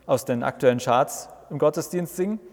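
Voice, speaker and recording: A man's voice: medium pitch, moderate pace, close to an everyday voice. A man voicing a grumpy, indignant old male church reformer who blusters and complains, in a reverberant recording. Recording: long reverb.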